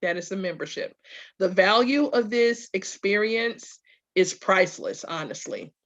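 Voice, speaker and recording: A woman's voice: mid-range voice, measured pace, highs cut off. A woman from Louisiana with a Southern US accent, speaking informally and emphatically to followers as a group facilitator, often piling up lists and checking in with listeners. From Louisiana, USA. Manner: emphatic, repetitive lists, checks in with "okay" and "right". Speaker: spiritual group facilitator and host. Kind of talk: informal promotional talk to followers.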